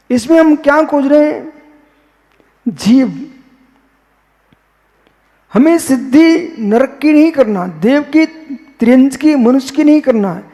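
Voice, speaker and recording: A man, a Jain monk, giving a philosophical sermon, posing questions and answering them himself, repeating phrases slowly. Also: very high-pitched, warm tone, long reverb tail, highs cut off.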